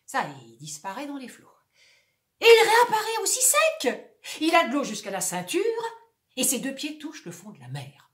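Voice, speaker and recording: A woman reading a comic monologue aloud in an expressive theatrical recitation, swinging between bright and hushed delivery. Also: fairly high pitch, brisk. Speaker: reader of literary texts. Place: room at home. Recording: roomy echo.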